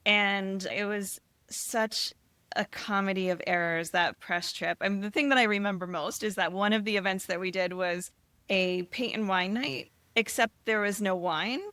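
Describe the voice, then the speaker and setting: A woman's voice: medium pitch, steady tone, moderate pace, pushed and bright, clear, resonant tone, no room sound. A woman co-hosting a travel podcast in casual chat, chatty, laughing often and trailing off mid-sentence. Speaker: podcast co-host.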